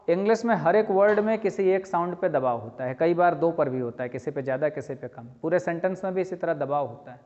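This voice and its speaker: A man teaching a lively lesson, explaining with spoken examples and asking his students questions as he goes. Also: a little high. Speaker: English teacher. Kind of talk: classroom-style lecture. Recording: dull lo-fi sound with long reverb.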